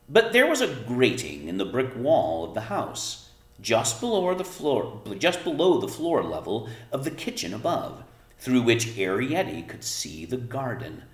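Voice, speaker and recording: A man with a mid-range voice narrates a storybook aloud in an echoey room, using expressive, emphatic phrasing and dropping in casual explanatory asides.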